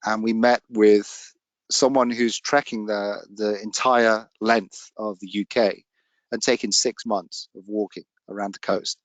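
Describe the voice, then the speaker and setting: Earnest man, low and dry. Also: steady tone, a little slow, no room sound. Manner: earnest, reflective storytelling. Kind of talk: casual chat.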